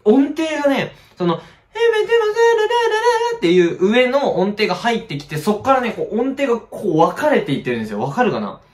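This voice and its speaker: Male vocal coach, casual reaction breakdown, lively and gushing, hums snippets; roomy sound with faint music underneath. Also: sits high, fast talker, few pauses. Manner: excitable, gushing, hums and sings short snippets. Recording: roomy echo with song playing faintly.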